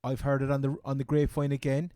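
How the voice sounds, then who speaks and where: A man's voice: medium pitch, monotone, quick pace, mellow, no echo, clean studio sound. A man with a Cork accent from Ireland, chatting casually as a sports podcast co-host and often restarting his phrases. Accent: Irish, Cork. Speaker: fantasy football podcast co-host.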